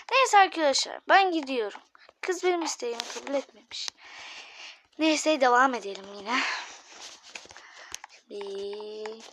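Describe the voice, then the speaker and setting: A woman with a high voice talks her viewers through a game she is playing. She takes her time, speaking at an unhurried pace. She is chatty and often slips into a whisper. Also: noisy background. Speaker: gaming YouTuber. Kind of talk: casual gaming commentary.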